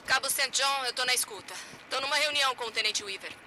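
A bright, high-pitched officer over radio. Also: male voice, fast, a little hiss or hum, exaggerated voice. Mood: commanding. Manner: clipped, commanding radio talk. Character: curt male military officer giving radio orders. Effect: radio transmission. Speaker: army lieutenant on the radio. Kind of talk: game voice dub.

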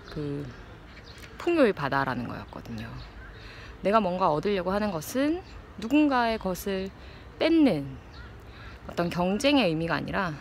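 A woman in her thirties chatting casually and reflectively to a phone at arm's length outdoors, in halting phrases as she searches for words. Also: medium pitch. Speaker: vlogger. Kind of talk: casual reflective chat to camera. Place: outdoors in an open park with trees. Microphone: phone held at arm's length. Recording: clear outdoor background noise. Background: outdoor park ambience.

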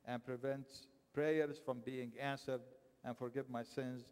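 A man's voice: mid-range voice, flat delivery, unhurried, a little mellow, smooth. A middle-aged man reading a translated Friday sermon aloud from paper in a large mosque prayer hall, stumbling and correcting himself as he goes. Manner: reads aloud from paper, with restarts and self-corrections. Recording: long hall reverb in a mosque.

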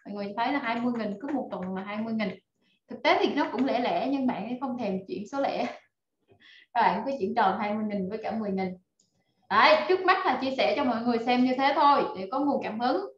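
Her voice on the high side, animated and quick, this online course instructor teaches a live class over a video call. She rallies her students using lots of fillers, and the call audio is echoey and dull.

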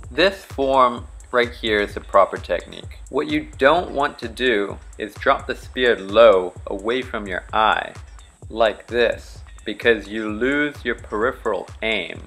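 A young man from the Bahamas, a charter fishing captain, calmly explaining spearfishing technique step by step in a voice-over. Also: fairly low pitch, takes it slowly, slightly rough, faint music behind. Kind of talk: instructional voice-over.

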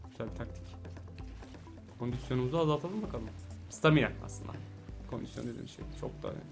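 A man giving casual let's play commentary, chatty, talking to the game and breaking into excited exclamations. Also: medium pitch. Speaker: gaming YouTuber. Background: soft game music.

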